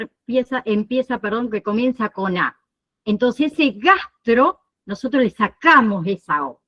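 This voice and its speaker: Female nursing instructor, online lecture, higher voice, muffled lo-fi audio. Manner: explains slowly, checks understanding with frequent "¿sí?" and "¿bien?".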